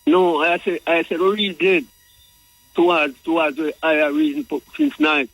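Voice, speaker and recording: A man's voice: a little high, sing-song, normal speed, creaky, a bit bright, no echo, poor audio. A Jamaican man calling in to a talk show, speaking in Rasta speech and reasoning, often repeating and circling back over his phrases. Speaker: radio call-in guest.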